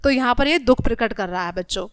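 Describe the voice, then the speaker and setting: A woman teacher giving a grammar lesson to young children, speaking to them directly and reading example sentences slowly and clearly. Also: a little high, a bit bright, no echo, studio quality.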